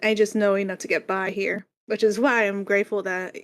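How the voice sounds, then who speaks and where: A woman voicing a poised female TV show host with a gruff voice and polite, measured manner, in a tabletop game. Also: medium pitch, level tone, close to an everyday voice.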